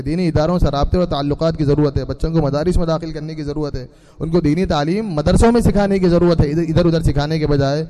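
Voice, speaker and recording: A man delivers an earnest sermon, driving his points home through repeated phrases. His voice sits a little high for a man, with a warm, mellow tone. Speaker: preacher at a madrasa gathering.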